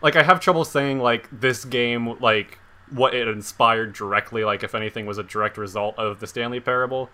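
Bright-voiced man hosting a podcast. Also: mid-range voice, normal speed, few pauses. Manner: rambling, heavy use of "like". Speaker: podcast co-host. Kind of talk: casual chat.

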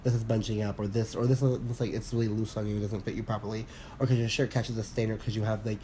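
A man's voice: fairly low pitch, little pitch movement, fast talker, dark tone, a little hiss or hum. Rambling man chatting, heavy on "like". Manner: rambling, filler-heavy, lots of "like" and restarts; laughs often, candid and profane. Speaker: podcast co-host. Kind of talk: casual chat.

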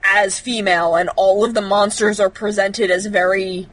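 A woman's voice: medium pitch, steady tone, moderate pace, low-quality recording. A woman co-hosting a podcast, chatting casually and filling her talk with "like". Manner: chatty, many "like" fillers. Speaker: podcast co-host. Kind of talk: casual chat.

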